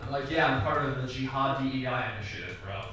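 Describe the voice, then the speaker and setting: A young man in his twenties, from an Iraqi family and raised in the Midwest, rambles through a stand-up set in a tavern comedy room, packing his stories with "like"s and acted-out quotes. His mid-range voice moves fast. The mic sits far away in the echoey bar, picking up background noise.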